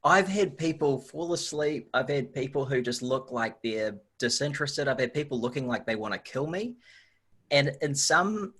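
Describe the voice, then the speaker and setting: A man in his forties from Auckland, New Zealand, speaks with a New Zealand accent as a podcast guest and nutrition researcher. His mid-range, slightly bright and husky voice is animated at a moderate pace, and he chats casually and anecdotally in an easygoing way.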